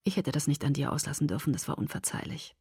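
Woman doing Edward, a hushed young vampire. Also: lowish voice, moderate pace, breathy edge, no room sound, clean studio sound. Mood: subdued. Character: young vampire man, tense and intense.

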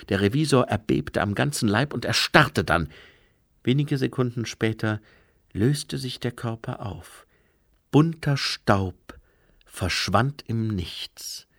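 A man narrating a novel in an expressive storytelling style, recorded on a close studio mic. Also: medium pitch, no echo. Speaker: audiobook reader. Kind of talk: scripted narration.

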